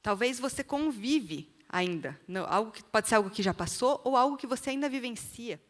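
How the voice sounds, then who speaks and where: A woman's voice: fairly high pitch, expressive, normal speed. A woman with a Brazilian accent giving an earnest church testimony in sermon style, speaking straight to the listeners. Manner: earnest, direct appeals to the listener. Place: church hall. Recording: long reverb of a church hall.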